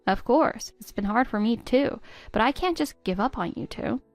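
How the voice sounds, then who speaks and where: A woman voicing a patient, hurt middle-aged stepmother who pleads gently with her stepdaughter. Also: a little high, expressive, normal speed, no room sound, faint music behind, lightly acted. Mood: pleading. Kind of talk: text-story voice acting.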